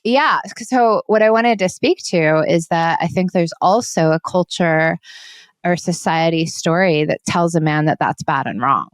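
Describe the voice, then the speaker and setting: A woman from Hawaii co-hosting a podcast, talking casually in halting phrases full of fillers. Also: lowish voice, clear, resonant tone, dry recording, clean studio sound. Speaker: podcast co-host. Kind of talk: casual conversation.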